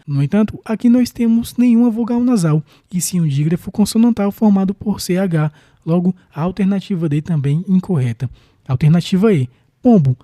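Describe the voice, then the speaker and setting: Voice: medium pitch, mellow. A teacher with a Brazilian accent works through exam questions one by one, explaining each answer methodically. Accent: Brazilian Portuguese.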